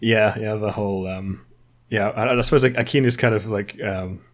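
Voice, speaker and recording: A man's voice: lowish voice, fairly even intonation, normal speed. A man co-hosting a casual book discussion, talking thoughtfully and often checking in with right and you know. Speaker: podcast co-host.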